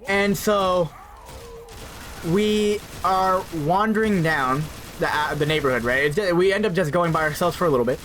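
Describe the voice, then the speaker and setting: Telling a personal story storytime-style, a young man with a fairly high, slightly bright voice speaks at normal speed. He rambles, repeats himself and adds "right?" asides, with slight background noise behind him.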